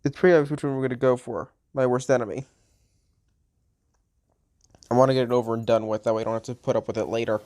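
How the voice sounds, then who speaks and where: A man's voice: mid-range voice, steady tone, fast talker, long pauses, a little mellow. A man chatting through his own mobile game playthrough, sounding a little tired, rambling and correcting himself as he goes. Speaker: gaming channel host. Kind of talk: casual gameplay commentary.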